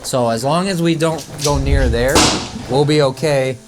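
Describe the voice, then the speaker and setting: Plain-spoken contractor explaining the steps. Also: male voice, mid-range voice, unhurried, heavy background noise. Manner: plain-spoken, talks through numbers step by step. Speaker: flooring contractor and channel host. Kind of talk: casual how-to instruction on a job site. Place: house under renovation, indoors.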